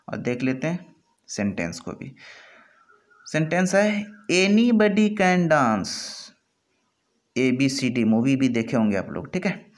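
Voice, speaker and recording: A man with a Hindi accent teaching an English grammar lesson over slides, explaining step by step and often checking in with his students. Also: on the high side. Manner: explanatory, repeats "ठीक है" often.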